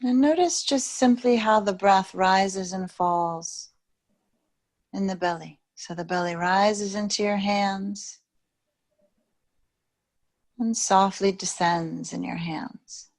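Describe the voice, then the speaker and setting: A yoga teacher, a woman, leads a calm yoga nidra meditation without hurrying, separating her phrases with long pauses. Her pitch is medium and her intonation fairly even.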